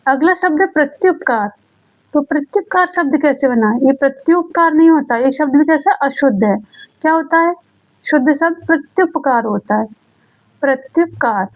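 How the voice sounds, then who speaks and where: A woman teaching an exam-prep grammar lesson, asking questions and answering them herself, repeating key words slowly. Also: high voice, lively intonation. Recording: dull lo-fi sound.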